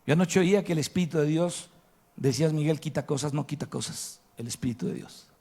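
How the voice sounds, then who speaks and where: A man's voice: fairly high pitch, a little fast, mellow, slightly rough. A man with a Mexican Spanish accent preaching a sermon to his congregation, emphatic and asking rhetorical questions. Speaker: pastor. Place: church hall.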